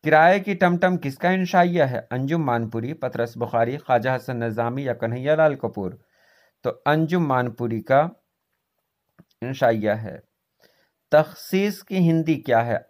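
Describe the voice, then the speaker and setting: A man's voice: mid-range voice, a little slow, a little mellow. A man going through exam questions as a teacher, reading each question and its options before giving the answer, with speech. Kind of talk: quiz walkthrough lesson.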